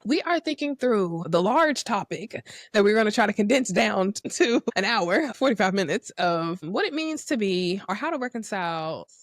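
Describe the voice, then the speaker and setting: A woman hosting a podcast, introducing segments in a measured way. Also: mid-range voice, animated, dry recording, clean studio sound. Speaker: podcast host.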